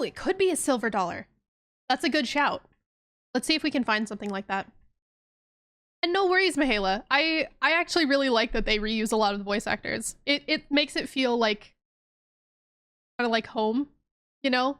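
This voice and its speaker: A woman streamer chatting excitedly and teasing herself while she plays a mystery game. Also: on the high side, brisk. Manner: chatty, excitable, self-deprecating. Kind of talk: casual live game commentary.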